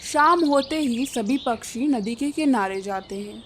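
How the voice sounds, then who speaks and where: A woman reads the narration of a children's cartoon story, clear and even. Her voice sits high. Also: measured pace, a little hiss or hum.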